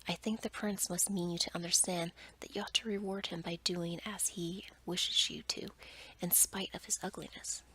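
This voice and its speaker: A woman's voice: on the low side, fairly even intonation, pushed and bright, slightly rough, full character voice, rough recording. Woman whispering as a thoughtful older father. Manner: measured, considered whisper. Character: thoughtful, kindly older father giving counsel. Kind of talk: whispered ASMR storytelling.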